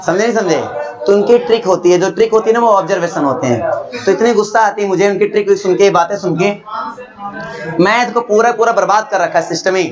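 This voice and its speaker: A man's voice: high-pitched, a little fast, music in the background. A young man teaching math to a class, talking bluntly and scolding, then telling stories from his own student days. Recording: dull lo-fi sound, classroom chatter behind.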